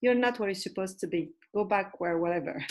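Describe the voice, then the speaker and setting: A woman from Algeria moderating a discussion, speaking earnestly in halting phrases that often repeat. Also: medium pitch, a little mellow, a little hiss or hum, rough recording. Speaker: panel moderator. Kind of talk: casual discussion.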